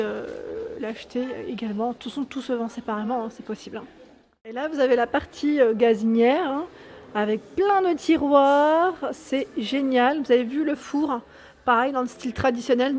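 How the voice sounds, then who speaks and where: A woman's voice: fairly high pitch, darkish tone, slight background noise. A woman giving an enthusiastic, chatty walkthrough vlog in a furniture store showroom, often tagging "hein" and correcting herself. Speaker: YouTube vlogger.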